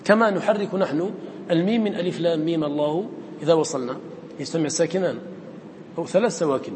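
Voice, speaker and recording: A male teacher giving a classroom lesson, quizzing his students and slowly drawing out the lines he quotes. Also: a little high, a little mellow, big-room sound, slight background noise.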